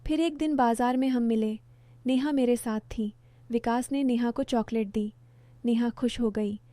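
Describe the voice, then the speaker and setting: Woman narrating a story, mellow and dry. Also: fairly high pitch, fairly even intonation, a little slow, no echo. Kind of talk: scripted first-person story narration.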